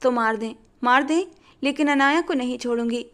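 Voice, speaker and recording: A woman playing a headstrong young woman in a storybook reading, defiant and pleading by turns. Her voice sits high and her lines come out emotional and insistent. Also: steady tone, moderate pace, close to an everyday voice. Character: stubborn, tearful young woman.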